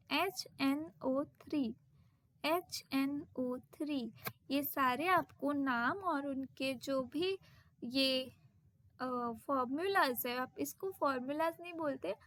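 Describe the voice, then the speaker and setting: Slow, high-voiced woman teaching a lesson. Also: fairly bright tone, no room sound. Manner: reads English terms out slowly, one by one. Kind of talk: textbook lesson explanation.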